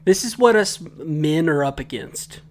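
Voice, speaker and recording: Higher-voiced man, joking podcast co-host. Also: expressive, a little slow. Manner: joking, profane, teasing. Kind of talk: casual comedic recap banter.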